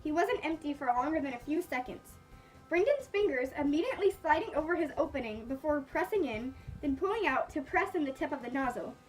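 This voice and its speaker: A woman's voice: high voice, animated, fairly quick, recorded from a distance, faint music behind, poor audio. A woman reading fan fiction aloud as a live reaction, stumbling on words and breaking off to joke.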